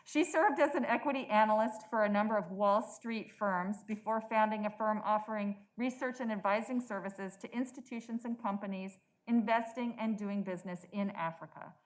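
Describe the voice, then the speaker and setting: A woman's voice: mid-range voice, moderate pace, hardly any pauses, rough recording. Woman moderator speaking through a face mask. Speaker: moderator introducing panelists. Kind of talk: prepared introductions at a formal event.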